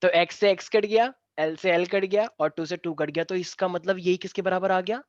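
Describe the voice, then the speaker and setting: A man's voice: sits high, steady tone, normal speed, no room sound. A man in his twenties, a physics teacher running an online class, teasing his students between explanations. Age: 20s. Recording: dull dry online class audio.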